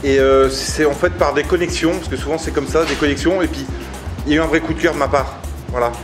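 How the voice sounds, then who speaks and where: A man's voice: on the high side, fairly even intonation, quick pace, music in the background. A middle-aged man from Brittany, a chef, talking casually in a small restaurant, joking and stumbling over repeated words. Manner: jokey, hesitant, repeats words. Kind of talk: casual interview chat.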